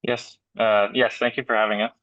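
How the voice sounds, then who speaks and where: A man's voice: lowish voice, little pitch movement, fairly quick, fairly bright tone, no room sound. A young man in his twenties from New Hampshire, an engineering student, introducing himself politely and a little nervously. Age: 20s. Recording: dull lo-fi video call audio.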